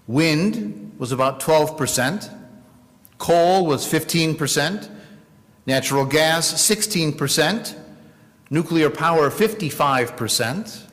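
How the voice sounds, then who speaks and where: A man in his late forties giving a sermon as a rabbi, measured and wry, with dry jokes. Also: on the high side, animated, fairly bright tone, in a large hall.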